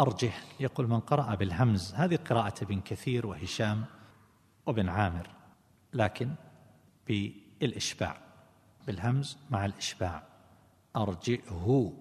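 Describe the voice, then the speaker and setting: Male religious teacher, lowish voice, deliberate explainer, long hall reverb. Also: darkish tone. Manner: deliberate, explanatory, self-correcting. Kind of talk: lecture explaining scripture commentary.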